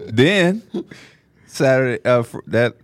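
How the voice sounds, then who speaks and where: A man co-hosting a podcast, telling a story in casual slang and jumping into high voices to quote people. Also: lively intonation, slow, no echo. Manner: slangy, laughs through his stories. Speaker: podcast co-host.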